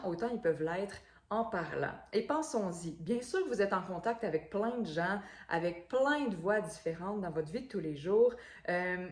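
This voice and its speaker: Echoey-room woman voice coach. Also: mid-range voice. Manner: explanatory, many fillers and repeated words. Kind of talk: instructional video talk.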